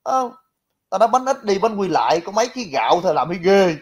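A man's voice: sits high, sing-song, fairly quick, breathy edge. A man giving blunt, mocking casual political commentary, talking directly to his viewers. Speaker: livestream commentator.

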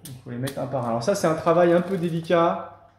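A host leading a casual home cooking demonstration, gently encouraging children as they help, with a relaxed, hesitant delivery. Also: medium pitch, quick pace. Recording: echoey room with faint noise.

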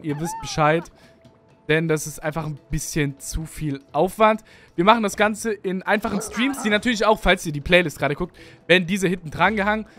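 A young Berlin-accented German man chats casually while playing through a video game for his channel, rambling and poking fun at himself. His voice is high, bright, and forceful. He's indoors at a home gaming setup, using a studio mic on an arm and wearing headphones.

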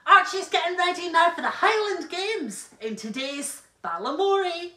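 Kids' TV host, female, high bright voice, bouncy delivery, echoey room. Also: animated, moderate pace, distant mic. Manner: bubbly, exaggerated and playful. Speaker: children's TV presenter. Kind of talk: live continuity links between kids' shows.

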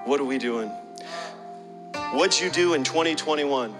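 A man's voice: fairly high pitch, unhurried, in a large hall, music in the background. A male pastor preaching a sermon, telling a story and then pressing the congregation with repeated questions.

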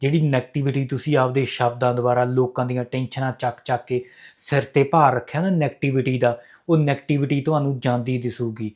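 Addressing viewers directly, a Punjabi-accented man delivers earnest, preachy spiritual instruction and keeps repeating key phrases. His voice is mid-range and a little mellow, his intonation fairly even, and he talks a little fast.

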